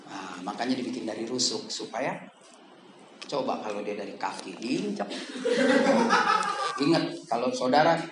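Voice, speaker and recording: A man preaching a lively, joking sermon to young people in a casual manner, with sudden loud bursts. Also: medium pitch, moderate pace, pauses often. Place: church hall. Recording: echoey hall with background noise.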